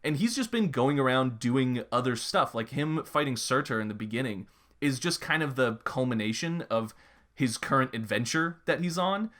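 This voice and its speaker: A man's voice: mid-range voice, lively intonation, moderate pace, fairly bright tone. A young man co-hosts a podcast in loose, casual conversation. He rambles, doubles back on his words and leans on fillers as he thinks aloud. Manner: rambling, lots of restarts and filler. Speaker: podcast co-host. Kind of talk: casual chat.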